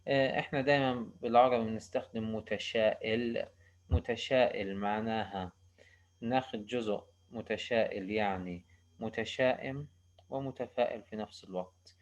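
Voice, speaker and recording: A male university lecturer, explaining slowly and haltingly in English and switching quickly into for examples. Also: lowish voice, steady tone, muffled recording. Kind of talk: recorded lecture.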